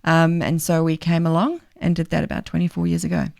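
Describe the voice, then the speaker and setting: A woman's voice: low voice, completely flat delivery, a little fast, creaky, darkish tone. Guest: middle-aged woman, faint South African accent, earnest and emphatic. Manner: earnest, emphatic, thinks aloud with fillers. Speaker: guest, charity leader. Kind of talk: podcast interview.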